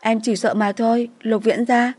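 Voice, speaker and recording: A woman's voice: on the high side, little pitch movement, moderate pace, a little mellow, breathy edge, pitched above the performer's own voice. Woman voicing a trembling tearful young woman. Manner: trembling, pleading. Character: tearful young woman, fearful but hopeful.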